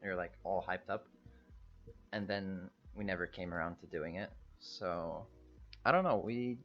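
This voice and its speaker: A man's voice: low-pitched, a little slow, soft background music. A young man from Bulgaria, co-hosting a casual podcast chat in a hesitant, rambling way full of fillers. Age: young adult. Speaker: podcast co-host. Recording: dull lo-fi sound.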